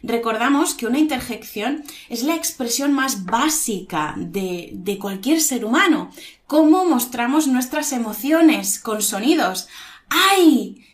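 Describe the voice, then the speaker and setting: A woman from Spain gives an online Spanish lesson in a fairly high voice. Her accent is plainly Peninsular. She talks with lively emphasis and stretches out her examples to show intonation. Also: unhurried. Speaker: Spanish teacher.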